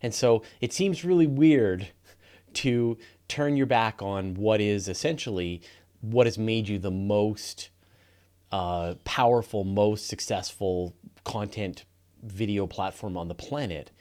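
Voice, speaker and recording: A man's voice: lowish voice, slow pace, darkish tone. A Canadian man hosting a live podcast in casual, rambling chat, often laughing. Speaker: podcast host.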